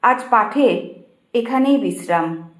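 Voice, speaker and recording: A woman reading a devotional memoir aloud in a measured, reverent manner, voicing its quoted dialogue. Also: a little high, lively intonation, echoey room. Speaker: reader of a devotional text. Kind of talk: slow scripted reading of a memoir.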